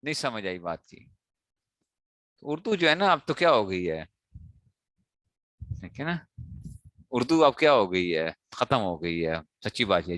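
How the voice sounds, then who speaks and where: A man teaching a morning class, correcting mispronounced words by repeating them slowly and checking that students follow. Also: mid-range voice, sharp tone, no echo, clean studio sound. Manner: asks students checking questions. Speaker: teacher of Arabic morphology. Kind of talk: classroom lecture.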